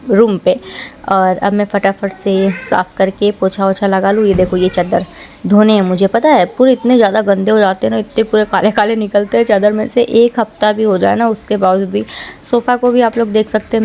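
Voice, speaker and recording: A woman's voice: medium pitch, darkish tone, a little hiss or hum. A young woman chatting casually through a home vlog in her small rented room, talking in a rambling, friendly way and mixing in English words, recorded on a phone camera. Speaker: vlogger.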